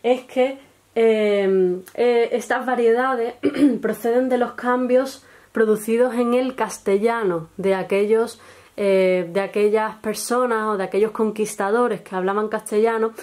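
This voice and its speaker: A woman with an Andalusian accent delivers a recorded lesson to her students. She explains one point at a time, pausing on short fillers and checking that everyone is following. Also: a little high, fairly even intonation, a little mellow. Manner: explanatory, frequent pauses and "eh" fillers, checks understanding with "¿vale?". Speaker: teacher.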